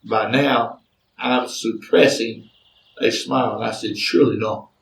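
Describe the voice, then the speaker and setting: A man's voice: mid-range voice, fairly even intonation, slow, gravelly, a little hiss or hum. A man from Alabama with a Southern accent telling a folksy family story with drawling asides. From Chambers County, Alabama, US. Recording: roomy, distant from mic.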